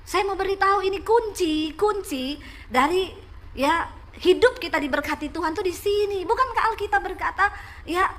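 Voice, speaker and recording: A woman pastor preaching a sermon, telling a story and acting out its dialogue, swinging from loud to hushed. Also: very high voice, normal speed.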